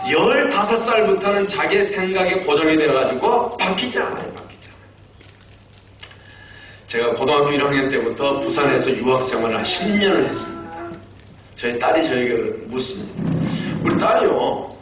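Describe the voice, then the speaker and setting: A man in his fifties preaching a Korean sermon as pastor, animated and humorous, having the congregation repeat lines after him. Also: on the high side, fairly quick, over music. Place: church sanctuary. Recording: echoey church hall miked from a distance.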